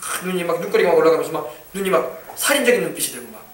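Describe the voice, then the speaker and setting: A man preaching from the pulpit in a high, rapid voice, stressing words and shouting hallelujah between points. The sound comes from a distance in an echoey church hall. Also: expressive. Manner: emphatic, repetitive, calls out hallelujah. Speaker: pastor. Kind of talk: sermon. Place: church sanctuary.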